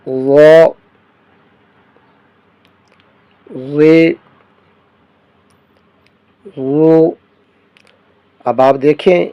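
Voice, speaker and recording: A man teaching a Quran reading lesson, sounding out each letter slowly and stressing every syllable before explaining it. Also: on the high side, no echo, dull audio. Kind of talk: slow recitation lesson.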